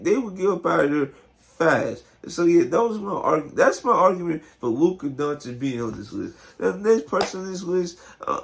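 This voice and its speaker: A man with a hoarse, partly lost voice giving casual, slangy sports commentary straight to his viewers. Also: fairly high pitch. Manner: informal, slangy, talks directly to viewers. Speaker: sports video host. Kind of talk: casual basketball commentary to camera.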